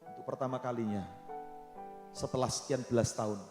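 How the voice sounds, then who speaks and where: A man's voice: mid-range voice, steady tone, brisk. A man preaching a sermon, telling a story with emphasis and calling to his listeners in a church. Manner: emphatic, addresses the audience as brothers and sisters. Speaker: pastor. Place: church sanctuary. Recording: echoey church hall with soft music.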